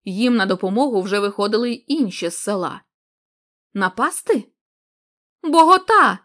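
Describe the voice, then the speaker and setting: Expressive woman audiobook narrator. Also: mid-range voice, fast. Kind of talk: scripted literary narration.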